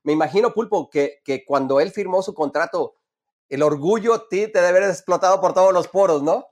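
A man hosting an interview, chiming in with short affirmations and quick follow-up questions. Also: high-pitched, darkish tone. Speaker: podcast host. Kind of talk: casual interview.

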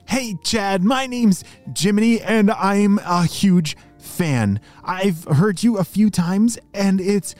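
A storyteller voicing an excitable young male cricket who gushes and raps in a high, squeaky voice. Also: slow pace, hardly any pauses, faint music behind, lightly acted. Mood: excited. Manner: breathless, gushing, high squeaky voice. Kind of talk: storybook character voice.

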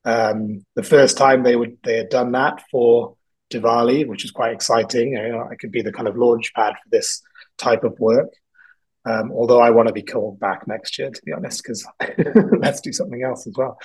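A man's voice: mid-range voice, steady tone, moderate pace, a little mellow, husky, rough recording. A man from South Wales, a guest artist in a casual interview, talking thoughtfully and rambling a little, with frequent ums and laughs.

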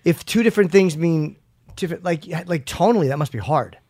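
A man co-hosting a podcast in casual chat, curious and asking quick questions. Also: on the high side, animated, darkish tone, no room sound, clean studio sound. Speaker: podcast co-host.

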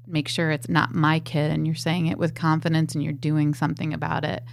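Podcast guest, woman with a low gravelly voice, firm and urging. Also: monotone, fairly quick, slight background noise. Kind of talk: casual interview talk.

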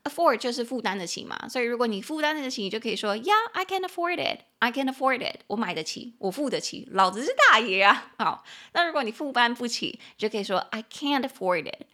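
A woman with a Taiwanese Mandarin accent hosting a casual English lesson podcast, chatty and playful, spelling out words slowly and jumping into lively acted quotes. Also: fairly high pitch. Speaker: podcast host teaching English.

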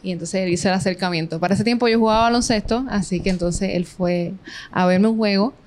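A woman talks as a podcast guest, relaxed and giggly while she tells a story. Her voice sits at an ordinary middle pitch. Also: fast talker, slight background noise. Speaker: interview guest, business co-founder. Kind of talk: conversational interview.

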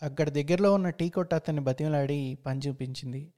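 A man reading a short story aloud in the first person, with a steady, reflective storytelling manner. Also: fairly high pitch, brisk. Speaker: story narrator.

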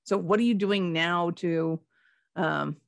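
A woman hosts a chatty interview with an informal, joking delivery. Her pitch is a little low, and the sound is dry with very little room. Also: takes it slowly, creaky, no room sound. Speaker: podcast host. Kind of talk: casual, chatty interview hosting.

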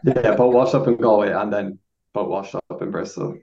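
Creaky of man, dulled audio. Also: lowish voice, moderate pace, lo-fi sound, crowd noise. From County Mayo, west of Ireland. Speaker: guest, band drummer. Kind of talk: casual podcast interview chat.

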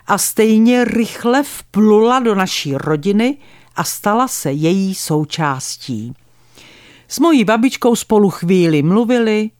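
An older woman reads her own family memoir in a calm, wry storytelling manner. Her voice sits in a middle pitch, recorded close and dry with no room sound. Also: no echo. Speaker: memoir author and narrator. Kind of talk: reading a personal memoir.

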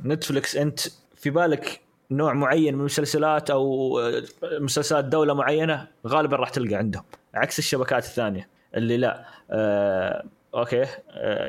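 Fast-talking man chatting. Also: medium pitch. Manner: rapid, hesitant with many fillers and restarts. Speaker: podcast co-host. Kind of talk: casual podcast chat.

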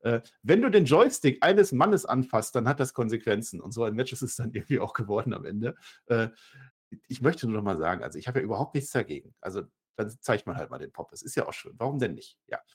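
Husky, lively German podcast man. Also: quick pace. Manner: animated, sarcastic, jumps to high pitch when excited. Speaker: wrestling podcast co-host. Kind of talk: casual review chat.

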